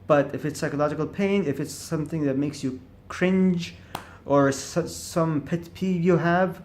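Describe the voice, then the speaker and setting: This vlogger's voice is a little high, a little slow and a little mellow, with slight background noise behind it. Speaking to camera in a reflective monologue, he thinks aloud hesitantly, stuttering on repeated syllables and frequently starting over.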